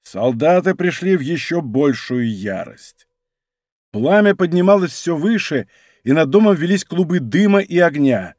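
Expressive male audiobook narrator. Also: fairly high pitch, measured pace, dry recording, clean studio sound. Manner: expressive, dramatic reading.

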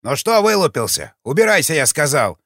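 A crotchety old sentry barks and swears at an intruder, as a male audiobook narrator puts him on. The voice is pushed higher and louder, with a bouncy, animated swing. It sounds close and dry, with quiet music underneath. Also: brisk, gravelly, dry recording, heavily acted. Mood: cantankerous shouting. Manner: shouting, cursing, indignant. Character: grumpy half-deaf old male sentry.

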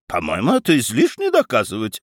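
A man's voice: medium pitch, wildly swooping pitch, brisk, no room sound, studio quality. A man voicing a haughty, indignant middle-aged baroness in a dramatic story reading. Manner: huffy and affronted, sharp outbursts.

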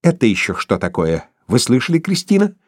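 A man's voice: mid-range voice, wildly swooping pitch, fairly quick, darkish tone, dry recording, studio quality. A man reading the lines of a cruel, jealous tyrant with a sinister, mocking manner. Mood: suspicious.

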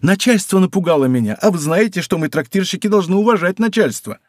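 A man's voice: high-pitched, expressive, fast talker, dry recording, clean studio sound, pitched above the performer's own voice. A man voicing a frightened, servile innkeeper who pleads and whines. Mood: anxious. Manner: whining, servile.

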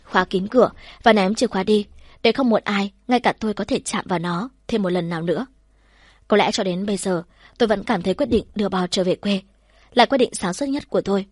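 In a soft, measured, heartfelt way, a woman recounts a story in the first person. Her middle-pitched voice has a husky, breathy grain, and the recording is dry and close, with no room sound or echo.

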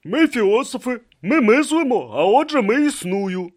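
A man voicing a hot-tempered, pompous male philosopher for an audiobook, loud and self-assured. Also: very high voice, expressive, moderate pace, voice pushed up. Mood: pompous angry. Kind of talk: audiobook narration.

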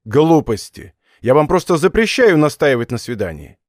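A man's voice: on the high side, very animated, moderate pace, dry recording, studio quality. A man reading an audiobook voices a curt, irritable male spy posing as a captain, talking dismissively.

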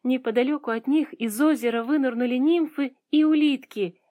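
A woman narrating a children's fairy tale in an expressive, measured storytelling manner. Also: high-pitched, dry recording. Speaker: audiobook reader.

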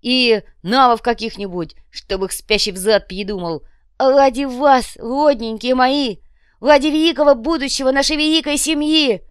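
Lady putting on a pompous chieftain guy, high and loud, drawn-out speech, smooth clear voice. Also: dry recording, studio quality, lightly acted. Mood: grandiose.

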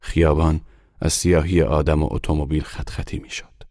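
A man reading a literary short story aloud in slow, measured audiobook narration. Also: very deep voice, level tone, warm tone, no room sound, clean studio sound.

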